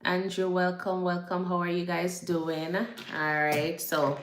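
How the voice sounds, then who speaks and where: A Jamaican nurse with a low voice chats casually on a livestream, greeting viewers by name and repeating herself often. She speaks at a measured pace with flat delivery, in an echoey room with some background noise.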